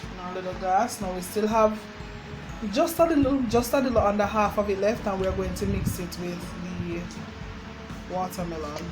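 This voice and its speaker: A woman with a Jamaican accent hosts a vlog, chatting informally with viewers and slipping into Patois while she shows how to make homemade drinks. Her voice is medium in pitch and moderately paced, and the low-quality recording has music playing over her talk.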